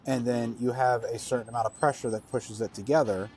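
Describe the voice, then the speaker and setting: A man's voice: mid-range voice, steady tone, fairly quick, a little mellow, a little hiss or hum. A man co-hosting a podcast, a welder thinking aloud and spitballing ideas in casual chat. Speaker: podcast co-host; welder working on gas pipe procedures.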